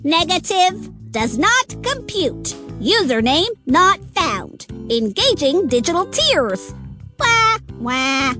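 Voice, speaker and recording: A woman's voice: extremely high pitch, very animated, slow pace, over music, full character voice. A woman voicing a chirpy, cheerful male robot prince who talks in clipped robotic phrases. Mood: mock-sad.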